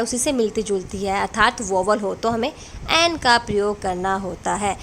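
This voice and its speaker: A woman's voice: fairly high pitch, fairly bright tone, a little hiss or hum. A woman teaching English grammar in a classroom lesson, explaining rules patiently and answering her own questions as she goes.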